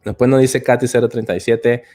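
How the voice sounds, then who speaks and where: Speaking fairly quickly in a steady, mellow, mid-range voice, this man hosts a live-stream English class. He responds to viewers' comments with hesitation, many filler noises, and repeated words.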